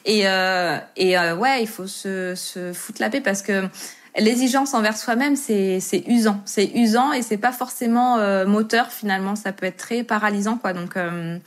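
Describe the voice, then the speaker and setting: A woman's voice: mid-range voice, moderate pace. A woman in her thirties, a tattoo artist chatting casually as a podcast guest, easygoing and hesitant and laughing often. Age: 30s. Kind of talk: casual interview chat.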